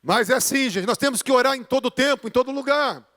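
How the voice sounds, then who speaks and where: A man's voice: very high-pitched, quick pace, a bit bright. A male pastor, preaching an earnest, emphatic sermon. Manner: earnest, emphatic preaching with rising and falling delivery. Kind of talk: sermon teaching. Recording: reverberant hall.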